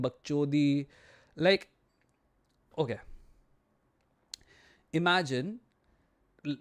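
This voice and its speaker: A thirty-year-old man with an Indian accent chats casually on a livestream in a lax, mellow, low-energy way, slipping Hindi phrases into his English. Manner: low-key, relaxed, lax, low-energy delivery. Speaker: live streamer. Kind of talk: casual chat with viewers on a livestream.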